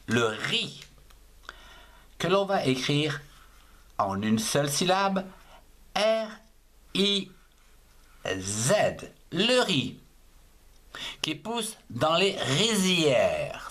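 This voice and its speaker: A man's voice: a little high, sing-song, extremely slow, long pauses, a bit bright. A man teaching children to write words in cursive, patiently spelling each syllable letter by letter. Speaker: handwriting teacher. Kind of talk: slow spelled-out writing lesson.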